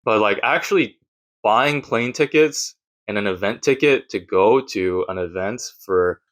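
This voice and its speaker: A man's voice: on the low side, measured pace, fairly bright tone. A man who makes videos and streams, talking nervously and self-deprecatingly in a casual vlog from a sparse room at home. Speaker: YouTuber and streamer.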